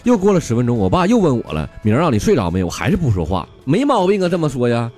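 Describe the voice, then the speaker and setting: A man's voice: mid-range voice, huge pitch swings, rapid-fire, a little mellow, soft background music. A man with a Northeastern Mandarin accent voicing a timid, whiny small boy in a comic story. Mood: plaintive.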